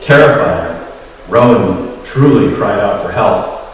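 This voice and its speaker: A man with a fairly low voice gives a storytelling talk, pausing often on fillers and restarts. He sounds a little nervous. He is heard from a distance in a large hall with a long, echoing reverb. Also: animated, a little hiss or hum. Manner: hesitant, many fillers, admits nerves. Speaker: guest speaker at a secular congregation. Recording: echoey hall, voice from far off.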